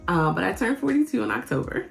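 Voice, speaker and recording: A woman in her forties, a vlogger and health coach, talks fast in a sing-song, medium-pitched voice with vocal fry. In this candid personal vlog she sounds tired, laughs often and restarts her sentences over soft background music.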